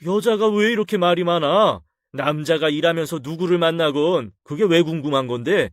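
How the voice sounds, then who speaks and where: A man voicing a domineering, quick-tempered husband in an audio story, curt and scornful. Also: a little high, no echo, clean studio sound, natural voice. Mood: angry. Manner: curt, scornful, raising his voice.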